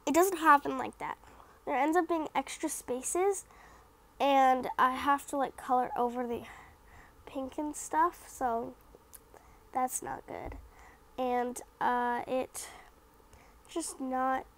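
Speaking slowly and pausing often, a high-voiced young craft vlogger wanders through a casual voice-over of her project. Her nose is a bit blocked from a cold, and she's self-critical, leaning heavily on "like" and "um."

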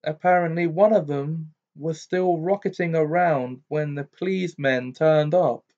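Hurried middle-aged wizard, rushed and pressing, read by a man in an audiobook. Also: a little high, darkish tone, dull audio, pitched above the performer's own voice, natural voice. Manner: hurried, urgent. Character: fast-talking bearded middle-aged wizard.

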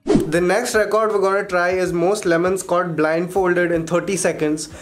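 A man in his twenties with an Indian English accent, hosting a jokey, excitable comedy vlog. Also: high voice, normal speed, soft background music. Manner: excitable, jokey, breaks into yelps. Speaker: host.

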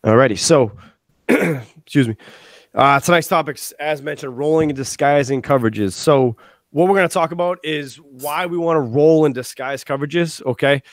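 Speaking from a small room at home, this young man runs a football coaching clinic live on a video call, his voice on the high side. His delivery is casual and fast, full of fillers and restarts, picked up by an earphone mic. The audio is dry.

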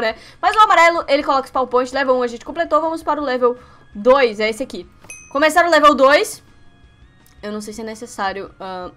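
A young Brazilian woman giving let's-play commentary on her webcam setup, excitable and quick to yelp and shriek at each slip. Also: high voice. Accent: Brazilian Portuguese. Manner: excitable, yelps and shrieks when failing. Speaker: gaming youtuber.

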